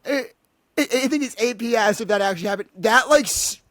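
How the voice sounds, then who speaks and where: A man's voice: very high-pitched, fairly quick, a bit bright, no echo. A man co-hosting a sports podcast, telling stories animatedly and insisting on his points. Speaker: podcast co-host. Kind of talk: casual sports podcast banter.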